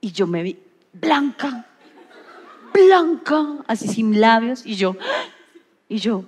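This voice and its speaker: A woman, an actress, telling stories in an interview, animated, laughing often and acting out voices. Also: on the high side, measured pace, slightly rough, long reverb tail.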